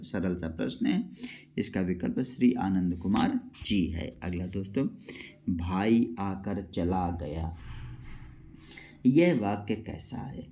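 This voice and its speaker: A man's voice: on the low side, mellow. A man teaching an exam-prep lesson, explaining step by step and repeating each question and answer back to his viewers. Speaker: Hindi teacher.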